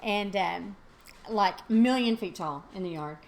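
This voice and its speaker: A woman's voice: medium pitch, a little slow, vocal fry. A middle-aged woman, chatting casually and telling stories animatedly, with plenty of fillers. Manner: animated storytelling with many fillers. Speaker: host. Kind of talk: casual chat.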